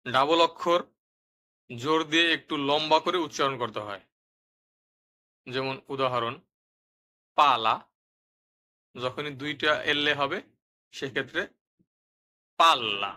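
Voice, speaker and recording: A male language teacher narrates a step-by-step lesson, explaining pronunciation rules and repeating each example word twice, slowly and clearly. His mid-range voice sounds pushed and bright.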